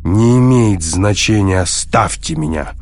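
Male reader as a curt, grumpy, stubborn man, deep voice, audiobook. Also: animated, a little slow, soft background music. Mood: irritated. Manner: gruff, curt retorts. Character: irritable, stubborn grown man. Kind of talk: audiobook reading.

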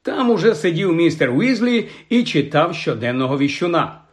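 Male audiobook narrator, expressive, slightly high pitch. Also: normal speed.

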